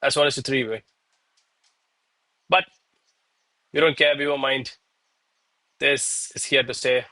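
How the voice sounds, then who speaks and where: A man's voice: medium pitch, steady tone, unhurried, long pauses, sharp tone. A man livestreaming casual commentary to his chat as a trading streamer, with an informal, bro-heavy gym-bro way of talking. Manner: bro-heavy, hyped gym-bro style talk; informal, addresses viewers as bro, man, guys.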